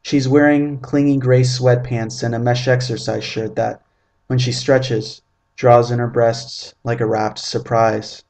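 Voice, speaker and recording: A man in his twenties reading his own first-person story aloud in a measured, vivid, descriptive way. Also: medium pitch, flat delivery, vocal fry, darkish tone. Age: 20s.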